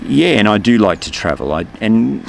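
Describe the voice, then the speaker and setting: An older Australian man, a voice artist appearing as a guest, chats in a casual interview, rambling and breaking off mid-sentence. His fairly low voice is very animated and creaky, at a normal speed. Noisy street ambience from outdoors fills the background.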